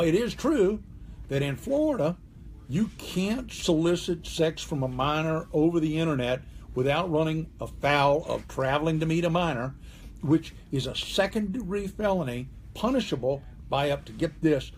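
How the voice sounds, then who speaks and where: A man's voice: fairly high pitch, a little mellow, slight background noise. A man, a criminal defense attorney, explaining a legal matter in a conversational way, often checking in with the listener. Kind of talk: direct-to-camera legal explainer.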